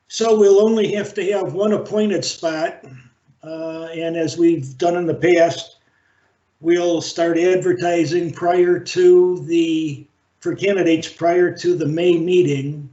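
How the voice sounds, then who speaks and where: A man chairing a library board meeting over a video call, speaking in a halting, measured way with frequent fillers. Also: fairly high pitch, steady tone, mellow. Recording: roomy, dull video-call audio.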